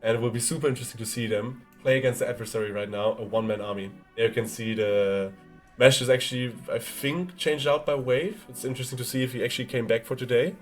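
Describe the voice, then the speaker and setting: A man's voice: medium pitch, quick pace, soft background music. A man casting a live esports stream, chatty and easygoing, with frequent "um" fillers. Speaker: esports caster.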